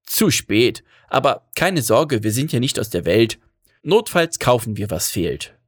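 A man voicing a calm, practical wife. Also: mid-range voice, measured pace, husky. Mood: reassuring. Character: middle-aged wife, calm, practical, reassuring.

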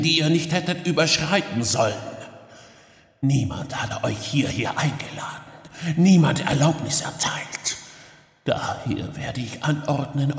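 A man voicing a tall, cold and menacing dark fairy queen, with a low, slightly husky voice and a slow, scornful way of speaking. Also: roomy sound, in a large hall, natural voice.

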